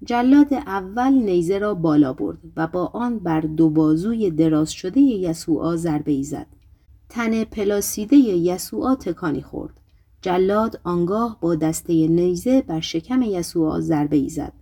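A woman reading a literary novel aloud as an audiobook narrator, in a measured, even storytelling delivery. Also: on the low side, slightly rough.

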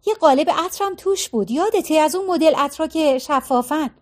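A woman's voice: high voice, animated, darkish tone, pitched above the performer's own voice. Woman voicing a fussy, coaxing mother. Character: anxious mother, eager to smooth things over.

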